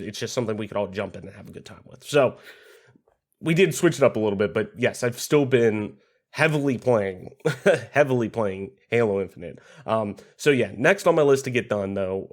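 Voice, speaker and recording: With a fairly low voice made slightly raspy by a cold, a male podcast host talks games in a relaxed chat, wandering from point to point and using plenty of fillers and curse words.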